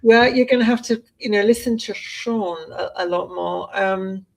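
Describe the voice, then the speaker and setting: A woman from Britain co-hosts a casual podcast conversation. She talks in an animated, chatty way and often restarts her sentences. Her voice sits at an ordinary middle pitch for a woman. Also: moderate pace, creaky, rough recording. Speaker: co-host. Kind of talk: casual chat.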